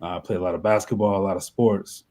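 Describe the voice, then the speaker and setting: A man from Connecticut talks through his story as an interview guest, relaxed and easygoing. His voice sits very low and sounds dark and mellow. He is heard over a video call. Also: fast. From Connecticut, USA. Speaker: guest, brewer. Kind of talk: casual interview.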